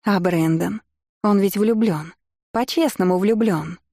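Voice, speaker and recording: A woman's voice: on the low side, normal speed, darkish tone, no room sound, clean studio sound, natural voice. A woman reading an audiobook, voicing a furious, jealous young aristocratic witch who sneers and accuses. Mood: accusing. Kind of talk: audiobook character voice.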